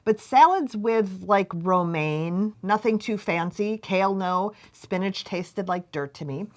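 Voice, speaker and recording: Woman co-host, cheerful, laughs easily, lively pitch. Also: measured pace. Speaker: life coach and co-host. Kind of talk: casual chat.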